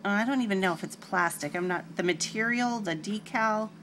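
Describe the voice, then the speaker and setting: A woman's voice: medium pitch, brisk, fairly bright tone, a little hiss or hum. A woman hosting a casual nail art tutorial, talking through each step with chatty, rambling asides.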